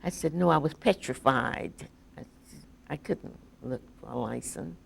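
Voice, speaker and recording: Older woman interviewee with a deep, gravelly voice who tells stories at a slow pace and acts out the dialogue. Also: slight background noise. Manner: vivid, acts out quoted dialogue. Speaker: oral history interviewee. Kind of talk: personal storytelling.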